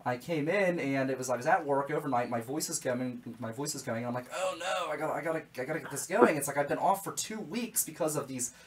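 A young man hosts a casual radio show from a small studio, rambling loosely and repeating words as he starts sentences. His voice sits on the high side and is slightly strained after he nearly lost it, and he talks fast with hardly any pauses. He uses a boom-arm studio mic and headphones, with slight background noise.

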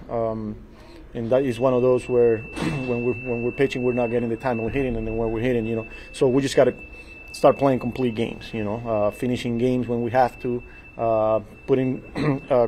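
Flat-voiced man at a postgame press table. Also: medium pitch, slight background noise, low-quality recording. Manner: measured, halting, repeats words and fillers. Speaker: baseball manager. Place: small press room before a sponsor backdrop. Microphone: table mic in front of him.

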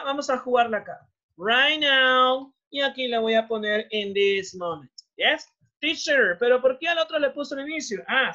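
Over a muffled video call, a woman with a fairly high, sharp-toned voice and a Peruvian Spanish accent teaches English. She moves back and forth between Spanish and English and repeatedly offers words of praise.

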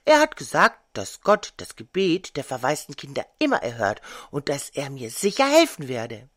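A woman's voice: very deep voice, wildly swooping pitch, moderate pace, no echo, studio quality, voice pushed down, full character voice. A woman voicing a timid orphaned girl of about eight in a storybook reading, plaintive and shy.

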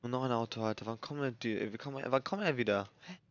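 A man's voice: mid-range voice, expressive, quick pace, no echo. A young man doing nervous, swearing let's play commentary in street slang, reading game text aloud as he plays. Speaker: gaming streamer. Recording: dull lo-fi mic, dry.

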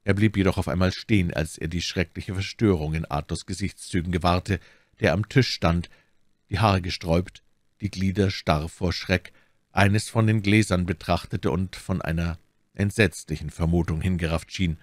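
A man narrating a classic novel as an audiobook, measured and expressive. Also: deep voice, no room sound, studio quality. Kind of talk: dramatic audiobook reading.

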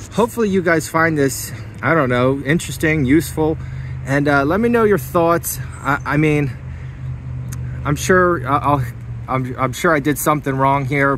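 A hobbyist vlogger with a slightly bright voice on the high side does a casual demonstration, speaking plainly and with enthusiasm. He's inside a parked vehicle and out in a driveway, and the noise of the car and outdoors is plain to hear.

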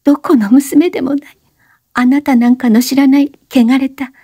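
A woman's voice: high-pitched, fairly even intonation, moderate pace, warm tone, husky, dry recording, clean studio sound, voice pushed up. A woman voicing a desperate, guilt-ridden young woman who pleads breathlessly through sobs in a spoken story reading. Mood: confessing.

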